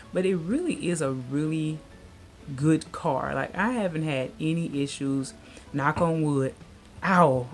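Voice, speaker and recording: A woman in her late thirties chatting casually to her viewers, rambling with lots of fillers. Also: sits low. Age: 30s. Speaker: vlogger. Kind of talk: casual chat.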